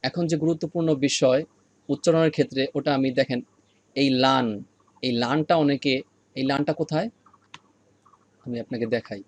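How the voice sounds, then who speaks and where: A man teaching an online Quran reading lesson, patiently repeating each sound slowly for practice. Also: medium pitch, steady tone.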